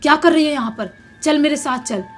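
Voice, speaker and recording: A woman's voice: sits high, a little fast, a little hiss or hum, voice pushed up, close to an everyday voice. A woman voicing the menacing ghost of a dead female friend, giving harsh commands.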